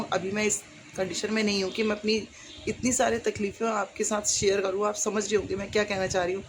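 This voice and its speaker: A woman's voice: mid-range voice, slight background noise. A middle-aged woman vlogger speaking earnestly and casually to her viewers, rambling with many fillers. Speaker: YouTuber.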